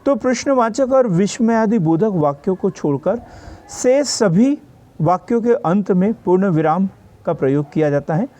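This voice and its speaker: A man's voice: sits high, lively intonation, normal speed, warm tone. A man teaching a grammar lesson for exam preparation. He explains patiently, repeats each definition and checks in with his students.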